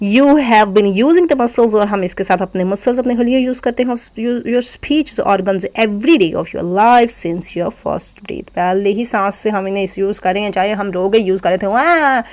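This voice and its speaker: In this phonetics lesson, a woman with a mid-range, slightly mellow voice reads English lines slowly and carefully, then breaks into quick, conversational explanations. She calls her listeners "janab" and voices the sounds aloud to demonstrate them.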